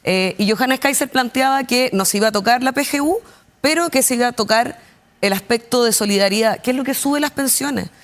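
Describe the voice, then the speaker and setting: A woman's voice: fairly high pitch, brisk. A Chilean woman speaking as an opposition politician in a panel debate, explaining her points insistently.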